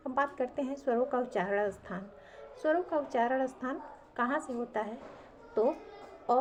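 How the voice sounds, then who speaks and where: एक महिला शिक्षिका जो परीक्षा की तैयारी के लिए व्याकरण का पाठ पढ़ाती है, खुद से सवाल पूछकर जवाब देती है और मुख्य शब्द दोहराती है।. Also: female voice, a little high, darkish tone, a little hiss or hum. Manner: asks a question and answers it herself, repeats key terms. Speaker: teacher. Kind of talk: exam-prep grammar lesson.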